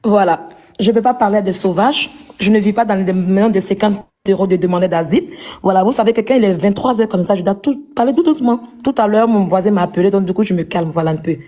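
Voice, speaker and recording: Scornful woman, mellow voice. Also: mid-range voice, fast talker. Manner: combative, point-by-point, scornful. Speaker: live-stream clash participant. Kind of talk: heated live-stream argument. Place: home at night.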